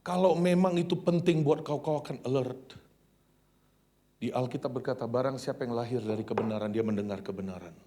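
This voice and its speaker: A male pastor preaching a sermon dramatically, swinging between loud cries and hushed near-whispers, dropping English phrases into his talk. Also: mid-range voice, a little fast, a little hiss or hum.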